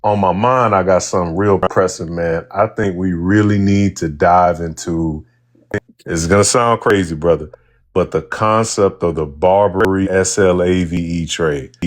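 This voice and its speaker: A man's voice: low-pitched, unhurried. A man from Chicago calling in to a casual chat, earnest and a little hesitant. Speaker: caller.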